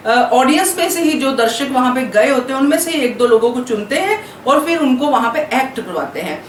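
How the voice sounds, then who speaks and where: Chatty female film vlog host with a high voice, recorded far from the mic in a roomy space. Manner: chatty, laughs while telling. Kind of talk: casual storytelling to viewers. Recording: roomy echo, distant mic, faint hiss.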